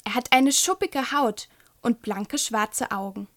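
Woman, storyteller, children's book read-aloud, high voice, slow. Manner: gentle, addressing children.

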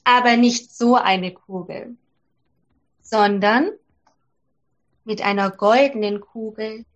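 A woman reading a fairy tale aloud to children, gently and clearly. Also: a little high, takes it slowly. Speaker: storyteller for children.

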